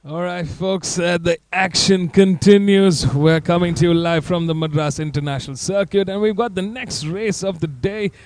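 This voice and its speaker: A man's voice: sits high, steady tone, moderate pace, few pauses, darkish tone, no echo. A man with an Indian accent giving live motorsport commentary in a punchy announcer delivery, with frequent hesitations. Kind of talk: live race broadcast commentary.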